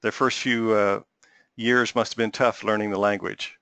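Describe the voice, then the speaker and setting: A middle-aged man hosting an interview, courteous and halting, with many filler sounds. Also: fairly low pitch, level tone, sharp tone, smooth, no echo. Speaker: host.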